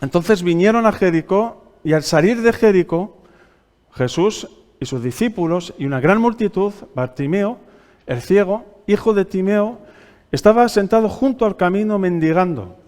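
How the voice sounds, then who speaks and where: A man's voice: sits high, expressive, moderate pace, darkish tone. A man with a Spanish accent preaching a sermon, reading scripture aloud and quizzing the congregation with questions. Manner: teaching by asking the congregation questions; reads scripture aloud, raising his voice for quoted pleas. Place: church hall. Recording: long church-hall reverb.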